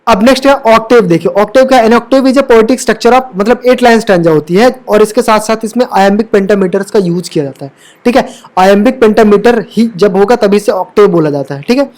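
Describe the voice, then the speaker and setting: A woman's voice: mid-range voice, normal speed, a little mellow. Female lit tutor, exam-prep lecture style, rhetorical questions, frequent self-corrections. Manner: keeps asking rhetorical questions and checking in with "theek hai"; corrects own slips mid-sentence. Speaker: English literature teacher. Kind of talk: exam-prep lecture mixing Hindi and English terms.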